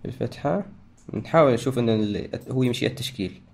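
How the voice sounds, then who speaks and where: A man hosting a software tutorial, talking through each step and correcting himself as he goes. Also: medium pitch, fast, gravelly. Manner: talks through steps, frequent restarts and self-corrections. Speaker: tutorial host. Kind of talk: screen-recorded software tutorial.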